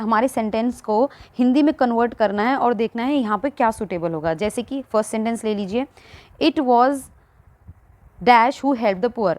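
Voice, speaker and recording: A woman teaches grammar, explaining each point patiently, step by step. Her voice sits fairly high and she speaks very slowly. The sound is dry and close, with no room echo. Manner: patient, explains step by step, mixes Hindi and English. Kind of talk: slow spoken grammar lesson.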